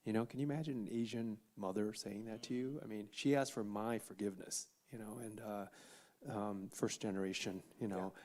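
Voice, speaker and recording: A man's voice: on the low side, steady tone, fairly quick, darkish tone. A man on a conference panel telling an earnest personal story and acting out quoted family members. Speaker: panel guest.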